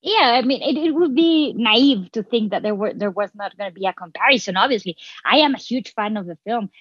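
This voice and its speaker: A woman's voice: a little high, animated, fairly quick, breathy edge, no room sound, highs cut off. A woman from Mexico with a Mexican accent, a filmmaker guest speaking earnestly in a radio interview, often restarting her words.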